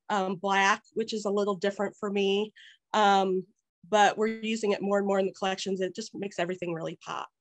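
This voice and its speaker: A woman's voice: mid-range voice, no echo. A woman fabric designer presenting her collections in a chatty, enthusiastic way with many fillers, speaking over a video call. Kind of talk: casual product presentation.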